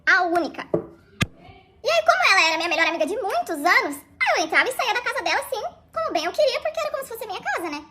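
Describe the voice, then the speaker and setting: A woman's voice: very high-pitched, big pitch swings, rapid-fire, background noise. A young woman telling a comic first-person story in a dramatic, slangy, exaggerated way.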